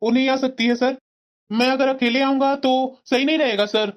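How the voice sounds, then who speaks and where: A woman's voice: high voice, fairly even intonation, moderate pace, close to an everyday voice. A woman voicing an irritable young husband who snaps and complains at his family, in a cartoon story. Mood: nervous. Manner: snapping, complaining. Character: irritable young husband, short-tempered son. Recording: dull lo-fi sound.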